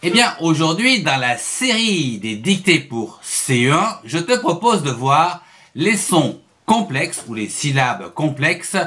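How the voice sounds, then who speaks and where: A man teaching a children's spelling lesson, speaking slowly and clearly and spelling out sounds letter by letter. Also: a little high, bright, forceful tone.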